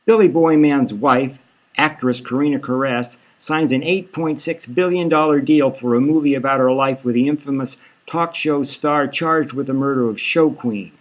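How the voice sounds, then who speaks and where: A man's voice: medium pitch, normal speed, natural voice. A man reading a novel aloud, voicing a television news reporter in a formal newsreader delivery. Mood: newsy.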